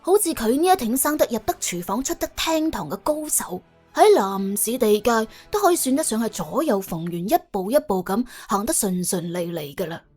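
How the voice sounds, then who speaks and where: Soft music plays faintly behind this audiobook narrator, a woman whose voice is medium-pitched, sing-song, a little mellow and slightly rough, at normal speed. With a Hong Kong or Guangdong Cantonese accent, she tells a colourful scripted story dramatically, colloquially and with humour.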